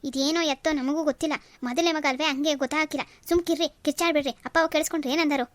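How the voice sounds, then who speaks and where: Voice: high-pitched, steady tone, racing, fairly bright tone, no room sound. A voice artist playing a worried young wife who defends herself in a cartoon. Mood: pleading. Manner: pleading, defensive. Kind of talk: cartoon voice acting.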